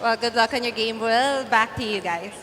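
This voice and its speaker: A woman's voice: a little high, moderate pace, a bit bright. A woman with a Filipino accent conducting a courtside basketball interview. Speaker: courtside reporter. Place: courtside in an indoor gym. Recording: echoey noisy gym.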